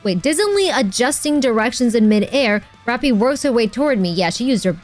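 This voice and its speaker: A woman streaming a game playthrough in a cute, excitable anime-streamer manner, reading the story aloud and chatting with viewers. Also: a little high, fairly quick, faint music behind. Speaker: VTuber streamer and voice actor.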